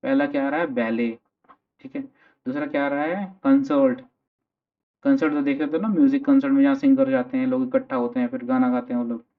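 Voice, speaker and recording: A man teaching with an Indian English accent, his fairly high voice swinging up and down as he explains words. His voice is gravelly, and the sound is thin and tinny like a phone line. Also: very animated, brisk. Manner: explains in mixed Hindi and English, asking and answering his own questions. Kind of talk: classroom vocabulary lecture.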